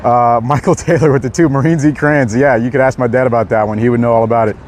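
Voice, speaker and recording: A young man chatting casually on a live stream outdoors on a city street, laid-back and quick to laugh as he reads out chat messages. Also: medium pitch, steady tone, a little mellow. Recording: faint street noise outdoors.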